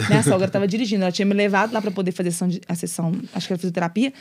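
Fast-talking young woman telling a story. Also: on the low side. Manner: animated, storytelling with lots of quoted dialogue. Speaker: guest, mother sharing her story. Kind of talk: casual podcast conversation.

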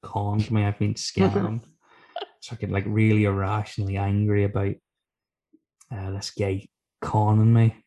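A man from talks in a fairly low voice. He tells anecdotes casually as a guest, rambling along with self-deprecating humor and plenty of swearing. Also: monotone, normal speed, warm tone, low-quality recording. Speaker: guest author telling stories from his book.

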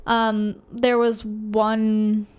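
A woman's voice: mid-range voice, monotone, darkish tone, smooth. A young woman, a college student, chatting casually and rambling with lots of fillers. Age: young adult. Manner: fast rambling with many fillers. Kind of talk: casual chat.

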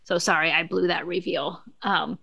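Podcast co-host, woman, gravelly low rasp, dry close sound, chatty recap delivery. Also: fairly even intonation, moderate pace, sharp tone, no echo. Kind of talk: casual episode recap.

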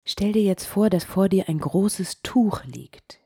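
A woman hosting a guided meditation podcast, speaking softly and gently, often sinking into a whisper. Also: mid-range voice, expressive, breathy edge. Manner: slow, soft-spoken, gently guiding, drops into whispers.

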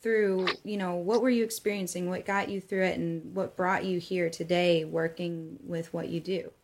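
Woman podcast cohost, lowish voice, asks open gentle questions. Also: little pitch movement, moderate pace. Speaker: podcast co-host. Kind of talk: interview questions.

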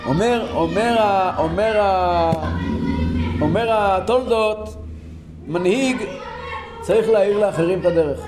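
Impassioned high-voiced man teaching Torah. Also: pauses often, reverberant, background noise. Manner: impassioned, swings from loud exclaiming to low intensity. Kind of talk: Torah lesson to a group.

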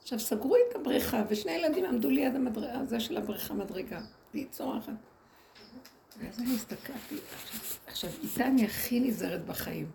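A woman's voice: fairly high pitch, expressive, gravelly, dark tone. A woman speaking as a rebbetzin to a women's group, telling stories animatedly and acting out the people she quotes, recorded live in a noisy room. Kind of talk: storytelling talk to an audience.

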